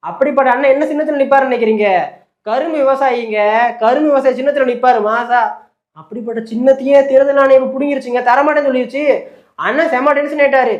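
A host giving satirical commentary, telling the story in a fast, mocking way. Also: sits high, fairly even intonation. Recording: roomy, slightly dull recording.

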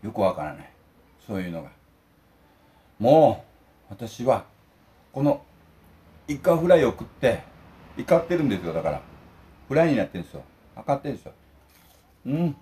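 Indignant older man, lively pitch. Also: moderate pace, long pauses. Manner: indignant, emphatic, lecturing the viewers. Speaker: vlogger. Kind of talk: ranting while eating lunch.

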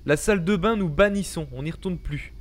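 Wearing a headset and leaning close to a desk microphone in his small home gaming room, a young adult man plays a horror game. His excited commentary is panicky, jumpy, and full of swearing, delivered in a high voice at a slightly fast clip.

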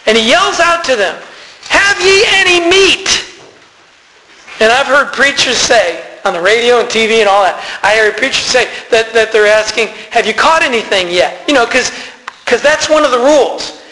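A man's voice: very high voice, animated, a little fast, pushed and bright, in a large hall, slight background noise, poor audio. A man preaching a sermon in a conversational way, calling out to the congregation for responses. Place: church sanctuary.

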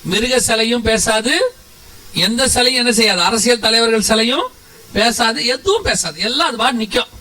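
Bright, high-voiced male preacher. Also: moderate pace, far from the mic, rough recording. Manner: asks the audience questions and answers them himself, with humor. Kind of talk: sermon.

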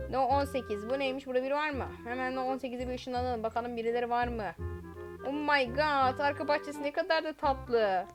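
Young woman gamer, high bright voice, chatty commentary over faint music. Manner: chatty, exclamatory, reads typed chat aloud. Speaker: gaming channel host. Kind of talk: game commentary while reading chat aloud.

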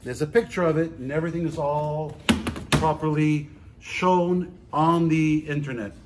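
A middle-aged man giving a casual walking tour of a large warehouse as an auctioneer, chatty and playful, listing items in quick repeats. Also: a little high, steady tone. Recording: roomy warehouse echo, faint background noise.

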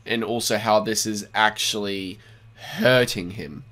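A man's voice: fairly low pitch, unhurried, fairly bright tone. A young adult man giving casual film reaction commentary into a desk microphone. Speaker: host of a film reaction show. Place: small bedroom studio. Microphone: desk microphone, wearing headset. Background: film soundtrack music.

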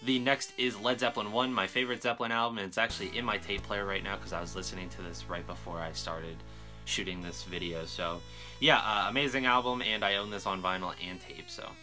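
A young adult man with a lowish, steady voice talks fairly quickly over music, showing his music collection to camera. The setting is a small room at home, and his show-and-tell style is casual and full of swearing.

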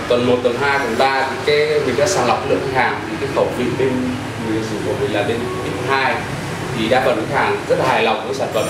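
Earnest cafe owner, echoey far recording. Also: male voice, mid-range voice. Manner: earnest, many hesitation fillers. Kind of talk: casual interview answers. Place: inside a small cafe. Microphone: far camera. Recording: echoey room, from far off, noisy.

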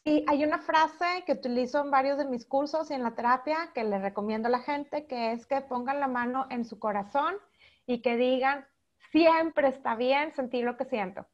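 High-voiced Mexican woman psychologist, lo-fi. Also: normal speed. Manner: warm, explanatory, acts out quoted speech. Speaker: psychologist guest. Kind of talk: interview answers.

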